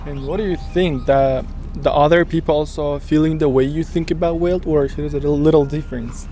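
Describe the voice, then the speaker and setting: A man conducting a street interview outdoors, asking short questions in somewhat non-native phrasing. His voice is a touch high but dark and mellow in tone. Faint music runs behind him. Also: steady tone, brisk.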